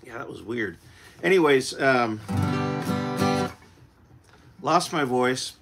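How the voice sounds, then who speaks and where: Slow gravelly man chatting on a livestream. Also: mid-range voice, expressive, a bit bright, soft background music. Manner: halting, with many fillers and restarts. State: recovering from voice loss. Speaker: singer-songwriter hosting a livestream. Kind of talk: casual livestream chat.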